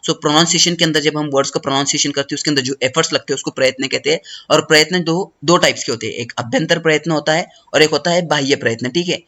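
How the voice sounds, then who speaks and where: Male teacher going thru notes fast, bright sharp voice, kinda high. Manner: fast, repeats "ठीक है" after each point. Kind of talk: study lesson explaining notes.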